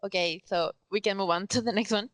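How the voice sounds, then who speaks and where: A woman's voice: medium pitch, brisk, dry recording, rough recording. A woman co-hosting a fan podcast in easy, casual chat. She is emphatic and often sarcastic, and she peppers her talk with "like" and "you know". Her voice sounds close and dry, with almost no room sound. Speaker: podcast co-host.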